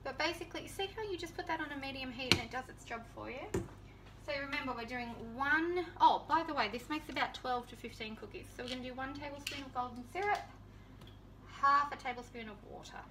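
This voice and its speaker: A woman's voice: high-pitched, brisk, far from the mic, background noise. A woman in her thirties chatting casually to viewers as she cooks in her home kitchen. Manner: chatty, easygoing, talks to viewers while cooking. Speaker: home cooking vlogger. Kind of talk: casual cooking demonstration.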